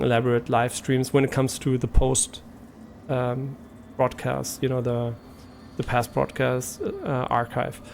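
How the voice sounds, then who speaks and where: A German live streamer, a native speaker with a German accent, chats casually and a bit hesitantly with viewers, thinking aloud. His mid-range voice has vocal fry and a darkish tone, with slight background noise.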